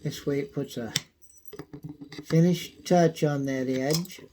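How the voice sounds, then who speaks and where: A man giving a casual, folksy how-to demonstration, his voice thin and squeaky from a coming cold. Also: fairly even intonation, background noise. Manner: folksy, unhurried, frequent throat clearing. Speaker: video host demonstrating pocket knife care.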